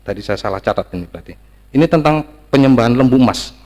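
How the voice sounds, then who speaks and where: A man's voice: medium pitch, animated, fast, a little mellow, big-room sound. A man preaching a sermon, emphatic and repetitive, his voice rising to stressed peaks.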